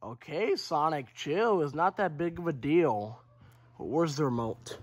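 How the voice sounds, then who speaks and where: A fan voice actor playing a cool, aloof male cartoon hedgehog who speaks flatly and dismissively. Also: measured pace, breathy edge. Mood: unimpressed. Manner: flat, dismissive, low-key.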